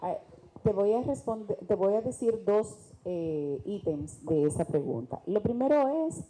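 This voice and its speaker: Emphatic Dominican woman, mellow voice. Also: mid-range voice, poor audio. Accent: Dominican Spanish. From Dominican Republic. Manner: earnest, emphatic, explanatory. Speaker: mental health specialist guest. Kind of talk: TV panel discussion.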